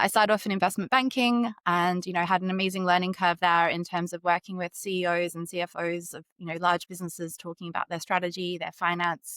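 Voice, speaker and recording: A fintech executive with an Australian accent discusses her career as an interview guest, articulate and upbeat, with light laughter during stories. Her fairly low, fairly bright voice is clear and resonant, recorded cleanly in a studio without echo.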